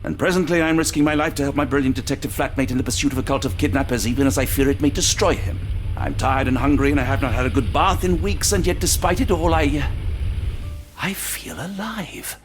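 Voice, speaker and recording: A man playing an earnest, weary English doctor in a video game, polite and measured with a dry, wry streak. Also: medium pitch, over music, natural voice. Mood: candid, stirred.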